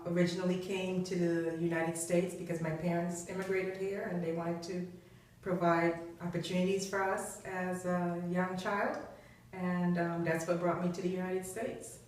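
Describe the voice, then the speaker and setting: Appearing as an interview guest, a middle-aged woman from Trinidad and Tobago who teaches business talks things through thoughtfully, leaning on frequent fillers. She has a lowish voice, and there's slight background noise along with the echo of a room recorded from afar.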